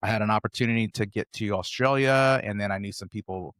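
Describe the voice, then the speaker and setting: Low-voiced American man telling travel stories. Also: fast talker, fairly bright tone, clean tone, dry recording, studio quality. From United States. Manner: rambling, conversational, loosely strung anecdotes. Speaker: podcast guest. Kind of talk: casual interview storytelling.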